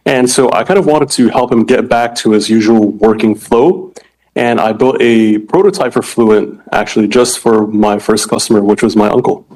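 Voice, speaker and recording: A man's voice: fairly low pitch, normal speed, darkish tone, low-quality recording. A man in his twenties from Indonesia, a startup founder explaining his product earnestly in an interview. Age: 20s. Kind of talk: interview answers.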